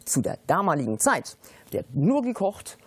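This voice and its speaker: A chatty middle-aged woman from Sudan, talking as she cooks in a studio kitchen. Her voice is a little husky and sits fairly low, yet it rises and falls a great deal. She breaks off her sentences and sprinkles in foreign words. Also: big pitch swings, moderate pace, dry recording. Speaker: celebrity guest cook. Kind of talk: casual chat while cooking on TV.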